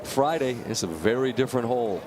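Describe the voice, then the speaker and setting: A man doing live golf play-by-play commentary in a smooth, measured broadcaster style. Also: mid-range voice. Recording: broadcast with steady background noise.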